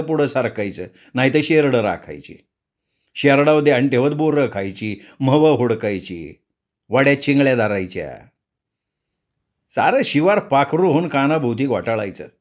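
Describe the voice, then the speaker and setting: A man narrating a story in a folksy rural dialect, recounting events at a measured pace. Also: mid-range voice.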